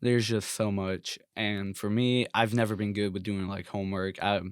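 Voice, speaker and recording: Young male guest, easygoing and filler-heavy; low pitch, dry close recording. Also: little pitch movement, moderate pace, clear, resonant tone, no room sound. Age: young adult. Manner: laid-back, filler-heavy. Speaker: podcast guest. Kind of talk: casual chat.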